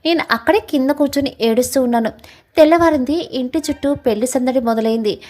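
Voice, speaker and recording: A young woman with a high voice narrates a love story in the first person. Her reading is emotional and dramatic. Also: brisk, darkish tone, rough recording.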